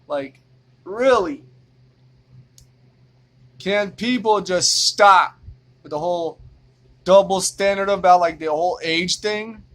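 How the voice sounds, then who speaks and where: A man's voice: high voice, slow, long pauses, fairly bright tone. A man from Indiana ranting in a vlog monologue, exasperated and profane, repeating himself as he goes. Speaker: vlogger.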